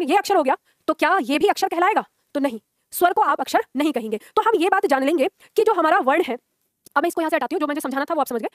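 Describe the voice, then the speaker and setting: A woman gives a grammar lecture to her students, her voice fairly high and her delivery brisk. She explains point by point and keeps checking that the class is following. The sound is dry and close. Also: no echo. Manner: explains step by step, asks students checking questions. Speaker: Hindi grammar teacher.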